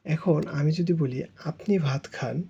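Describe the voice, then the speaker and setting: A man's voice: on the high side, moderate pace, dark tone, husky, highs cut off. A Bengali-speaking man teaching French grammar, explaining it step by step with patient repetition and spelling words out letter by letter.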